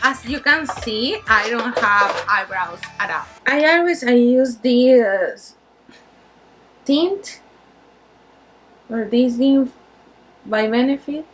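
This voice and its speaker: A woman's voice: a little high, expressive, slow, long pauses, a bit bright, soft background music, low-quality recording. A tipsy woman with a Spanish accent hosts a casual makeup tutorial, rambling in a giggly drunk way. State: tipsy from shots.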